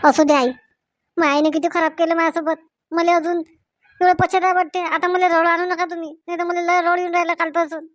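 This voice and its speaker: A stubborn young village wife, played by a woman, pleading and quick to flare up in a Varhadi Marathi accent. Her voice sits high and the recording is dry and close. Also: level tone, dry recording. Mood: upset. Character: young daughter-in-law, stubborn and fed up. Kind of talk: comedy sketch acting.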